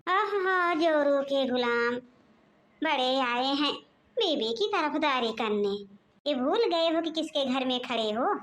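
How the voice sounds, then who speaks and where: A woman voicing a domineering, arrogant older mother-in-law in a cartoon, shouting and taunting her daughters-in-law. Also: high voice, expressive, slow, full character voice. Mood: scornful. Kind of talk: cartoon voice acting.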